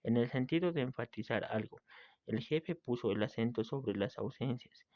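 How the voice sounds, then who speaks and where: Male teacher, steady read-aloud grammar lesson, close dry mic, slightly dull sound, mid-pitched. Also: normal speed, no room sound. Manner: reads steadily from a text, with small slips and restarts.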